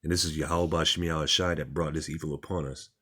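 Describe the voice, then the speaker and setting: A man's voice: extremely low pitch, fairly even intonation, fast talker, sharp tone, husky. A man reading articles aloud and commenting on them in an informal, repetitive, plain-spoken way, as a religious commentator.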